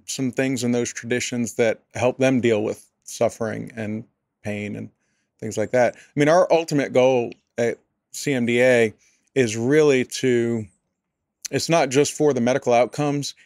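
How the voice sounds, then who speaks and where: A man at a middling pitch answers interview questions about faith in an earnest, thoughtful way. He often restarts his sentences as he works through an idea. The sound is dry and close, with no room echo. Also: darkish tone. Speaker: pastor and area director, podcast guest.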